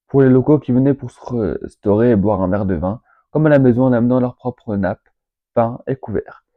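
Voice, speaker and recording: A man talks straight to his viewers in a loose, rambling way, full of fillers and side remarks, now and then reading tips off a screen. His voice sits at an ordinary middle pitch. The recording sounds slightly dull and lo-fi. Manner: chatty, rambling with fillers and asides. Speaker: vlogger. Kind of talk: casual vlog, reading tips aloud.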